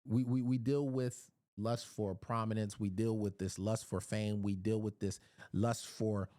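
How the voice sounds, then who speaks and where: A man's voice: fairly low pitch, steady tone, a little slow, mellow, dry recording, clean studio sound. A man from Philadelphia giving a casual Bible teaching, often repeating words as he searches for his phrasing.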